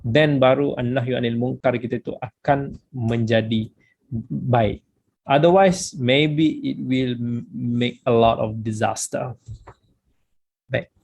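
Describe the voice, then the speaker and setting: A man's voice: medium pitch, fairly even intonation, slow, gravelly, a little mellow, breathy edge. A man with a Malaysian accent, a religious teacher explaining a book in a patient lecture, slipping English phrases into his talk.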